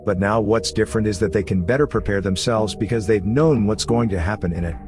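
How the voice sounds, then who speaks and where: The narrator, a man with a lowish voice, moves briskly through a scripted story recap while music plays behind him.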